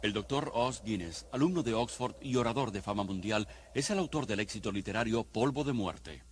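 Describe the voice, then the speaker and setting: A man narrating a documentary in a measured, solemn scripted voice-over. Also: on the low side, slight background noise. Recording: studio voice-over over loud music.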